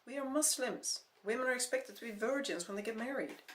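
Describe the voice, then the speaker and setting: A woman's voice: fairly high pitch, a little fast, a little hiss or hum, voice pushed up, natural voice. A woman voicing an earnest, cautious young man who speaks patiently and pleadingly. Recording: roomy echo.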